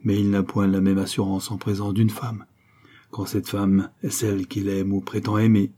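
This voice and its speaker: A man's voice: lowish voice, flat delivery, moderate pace, mellow, breathy edge. A man reading an audiobook, voicing a proud and resolute young Spanish noblewoman who pleads earnestly and speaks firmly. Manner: earnest and pleading, then firm.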